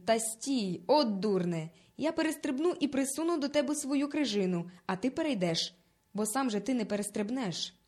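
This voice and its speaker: A woman's voice: a little high, expressive, normal speed, close to an everyday voice. A woman voicing a brave, bossy village boy who gives urgent commands in a storybook reading. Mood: commanding. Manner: commanding, urgent, pushed loud. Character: bold, bossy peasant boy on ice.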